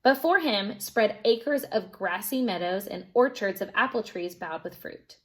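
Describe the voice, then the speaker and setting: Reading a children's story aloud, the teacher uses a lively narrator's delivery. She has a mid-range voice and keeps a measured pace.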